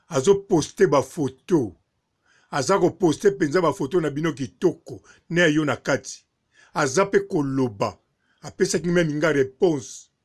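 A man's voice: a little high, husky. A man hosting a casual chat, prodding his guest with question after question.

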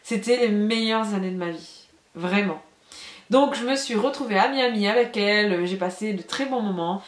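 A young woman from France chats straight to her viewers, frank and loose, with many filler sounds. Her voice sits at an ordinary middle pitch. The room around her rings with noticeable echo. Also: moderate pace. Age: young adult. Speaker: vlogger. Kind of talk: casual storytelling to camera. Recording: echoey room.

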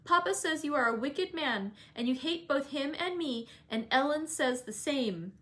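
A woman reading the part of a spirited teenage girl, speaking high and emphatically with rising pleas. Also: lively intonation, moderate pace, bright, forceful tone. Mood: indignant.

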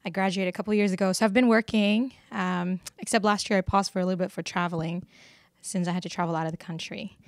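A woman's voice: medium pitch, dry recording. Young woman, from Burma, podcast guest, casual chat, dry close sound. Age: 20s. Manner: relaxed, chatty, laughs easily. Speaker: podcast guest, singer and nurse. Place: small indoor studio set on a couch. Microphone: handheld microphone.

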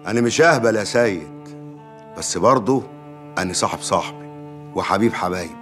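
Scheming middle-aged village mayor, TV drama, quick delivery, calm and veiled threats. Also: male voice, on the low side, soft background music. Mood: menacing calm. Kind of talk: TV drama acting.

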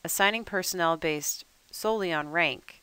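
A woman reading a scripted training narration over slides in a measured, instructive way. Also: lowish voice, bright, forceful tone, clean tone, dry recording. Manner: measured, instructive, reads steadily. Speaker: weather service trainer.

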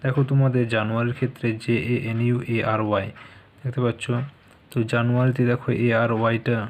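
Slow, flat-voiced man teaching spelling. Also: medium pitch. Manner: slow, spells out letters one by one. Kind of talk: spelling lesson for children.

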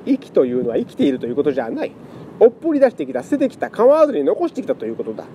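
A man voicing a fussy, excitable scholar cat who lectures pompously. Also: a little high, very fast, a little hiss or hum. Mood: excited.

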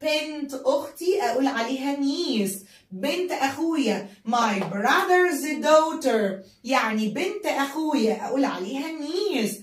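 A woman with an Egyptian Arabic accent teaching children English vocabulary, repeating and spelling each word slowly. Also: high voice, animated, echoey room, distant mic. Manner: slow, drawn-out repetition of words and spelling.

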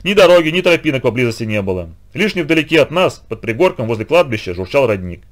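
Animated male audiobook reader. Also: mid-range voice, fast talker. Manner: expressive, animated storytelling. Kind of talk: scripted narration.

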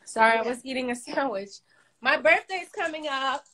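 High-voiced woman on a noisy call. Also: lively intonation, normal speed. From Haiti. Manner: friendly, upbeat. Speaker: livestream caller. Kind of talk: casual video call chat. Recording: noisy phone call audio.

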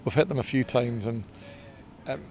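A middle-aged man, a racing driver, answering interview questions outdoors in a paddock in a relaxed, modest way. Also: mid-range voice, normal speed, a little hiss or hum. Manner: relaxed and modest, with filler ums. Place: outdoors in a race paddock beside a team truck. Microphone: interviewer's handheld mic.

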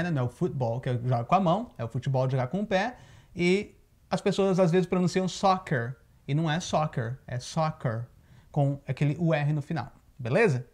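A man's voice: a little high, fast, darkish tone. A Brazilian man with a Brazilian Portuguese accent, giving a casual video lesson on English pronunciation and explaining patiently. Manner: explains patiently, often checks in with "tá?". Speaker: English teacher. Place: living in the United States.

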